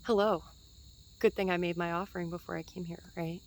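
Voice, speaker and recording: A woman's voice: lowish voice, fairly even intonation, brisk, a little hiss or hum, poor audio. Young woman, casual spiritual talk, lots of ums and likes, recorded outside in the woods. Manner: chatty and meandering, with frequent fillers and light laughter. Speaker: spiritual teacher. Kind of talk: casual spiritual teaching to camera. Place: outdoors in a forest.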